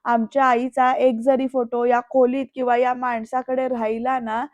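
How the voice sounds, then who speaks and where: A woman's voice: on the high side, level tone, moderate pace, no echo, close to an everyday voice. A woman voicing an angry young man who confronts his father with a raised voice, on a dull lo-fi recording. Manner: shouting, raised voice. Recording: dull lo-fi dry voice-over.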